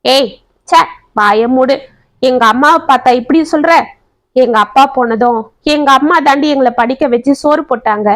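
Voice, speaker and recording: ஒரு பெண் கதைசொல்லி, துடிப்பான இளம் மகளின் குரலில் வேகமாகவும் ஆவேசமாகவும் பேசுகிறார். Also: female voice, high-pitched, a bit bright. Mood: angry. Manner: quick, fiery, eager. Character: spirited young graduate daughter, protective of mother.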